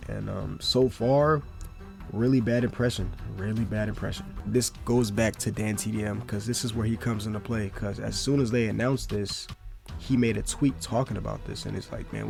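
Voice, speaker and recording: Young male commentator, deepish and a bit gravelly, rambling slangy reaction talk over faint music. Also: a little mellow. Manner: rambling, slangy, lots of "bro" and "like". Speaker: commentary YouTuber. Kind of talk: casual commentary.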